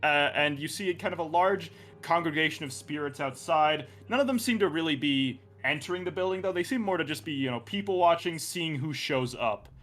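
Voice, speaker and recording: A man's voice: fairly high pitch, fairly quick, hardly any pauses, a bit bright, faint music behind. Young man running a tabletop game. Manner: loose, laughing, rambling. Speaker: dungeon master.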